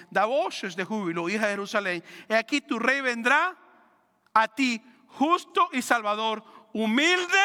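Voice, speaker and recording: A pastor delivers a dramatic sermon in a high, bright voice, rising to ringing declarations and then dropping to a soft hush. The sound carries the long reverb of a large hall. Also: male voice. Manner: preaching with dramatic swings from loud to hushed, acting out voices.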